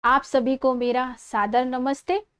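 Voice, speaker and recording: A woman's voice: high voice, fairly even intonation, slow pace, fairly bright tone, a little hiss or hum. A woman reading a life story aloud, explaining words and repeating verses.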